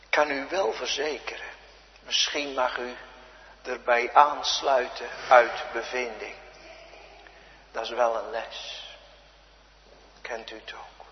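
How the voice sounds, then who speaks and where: A pastor preaching a sermon, swinging between loud cries and hushed near-whispers. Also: male voice, mid-range voice, slight background noise. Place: church. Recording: dull lo-fi sound with long church reverb.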